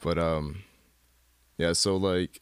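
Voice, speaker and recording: A man's voice: sits low, steady tone, slow pace, clear, resonant tone, no room sound. A young man from Michigan, a guest in a casual interview, talking in a rambling way with lots of fillers and restarts. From Michigan, USA. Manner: rambling, many fillers and self-corrections.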